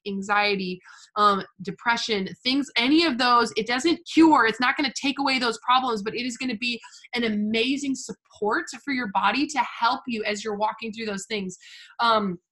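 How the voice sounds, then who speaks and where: Bright gushing young woman. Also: fairly high pitch, steady tone, normal speed. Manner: chatty, gushing, many fillers like "like" and "literally". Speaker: essential oils seller. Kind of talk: casual product walkthrough.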